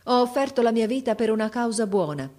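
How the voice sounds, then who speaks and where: Brief: woman narrator as a calm, brave young prince, earnest, lifted a little in pitch, storybook. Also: brisk, natural voice. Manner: earnest, steady.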